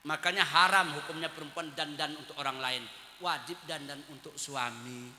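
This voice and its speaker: A male preacher with a Lampung Indonesian accent gives a humorous sermon. He swings between loud outbursts and low asides and acts out the voices he quotes. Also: fairly even intonation, normal speed, a little hiss or hum. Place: community gathering hall. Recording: echoey hall with long reverb.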